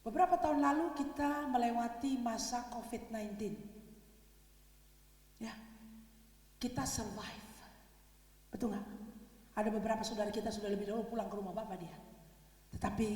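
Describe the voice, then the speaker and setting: A woman with a high voice preaches in a casual, chatty way, often asking her listeners to agree and laughing easily. Her voice reaches the microphone from some distance. A long echo from the large worship hall trails behind her words. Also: moderate pace, pauses often, darkish tone. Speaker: preacher at a women's worship service. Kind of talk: conversational sermon.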